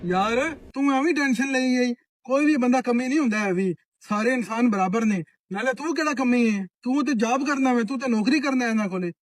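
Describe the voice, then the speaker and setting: An actor playing a kind visitor who reassures a servant and gives earnest advice. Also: male voice, extremely high pitch, brisk, few pauses, dry recording. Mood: reassuring. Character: kind visiting man who preaches equality.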